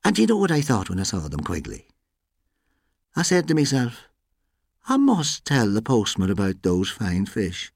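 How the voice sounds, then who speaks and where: A man voicing a big, fat cattle dealer who speaks in a soft, mocking, needling way in a story reading. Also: lowish voice, wildly swooping pitch, moderate pace, vocal fry, long pauses, dry recording, studio quality, heavily acted. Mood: mocking taunt.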